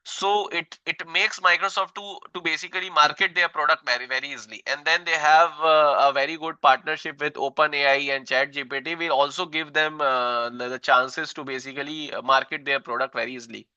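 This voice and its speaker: A man's voice: a little high, steady tone, brisk, few pauses, pushed and bright, clean tone, no echo, highs cut off. A man in his thirties with an Indian English accent, teaching an online tech class, repeating himself and checking in with "right?" after each point. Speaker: instructor.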